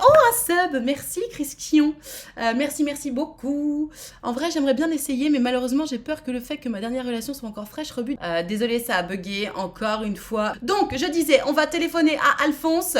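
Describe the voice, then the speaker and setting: A woman's voice: high-pitched, animated, normal speed. A woman from France hosting a live-streamed speed dating show, chatting casually and playfully with many fillers.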